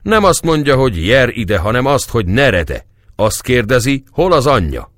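Man voicing a wry soldier, amused, explaining, lively, storybook. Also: medium pitch, no echo, pitched above the performer's own voice. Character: knowing male soldier, wry.

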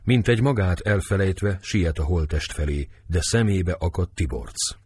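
A man reading a stage play aloud, giving the stage directions in a subdued, measured way. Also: low-pitched, expressive, darkish tone, breathy edge, no echo, clean studio sound. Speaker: reader.

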